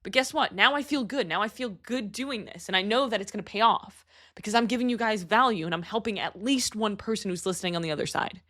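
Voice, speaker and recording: A young woman delivers a motivational podcast in an emphatic, blunt way, and she swears freely. Her voice sits at an ordinary middle pitch. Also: fast talker, a bit bright. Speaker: podcast host and fitness coach.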